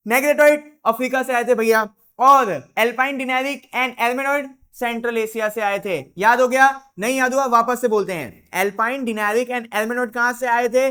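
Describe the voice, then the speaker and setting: A woman's voice: a little high, fairly bright tone. A woman teaching an exam revision lesson, playful and chatty, drilling her points by asking questions and answering them herself.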